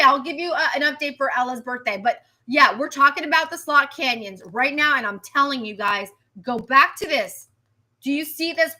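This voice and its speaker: A woman meteorologist giving a live weather stream, animated and chatty, repeating herself and reacting to viewer comments. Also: high voice.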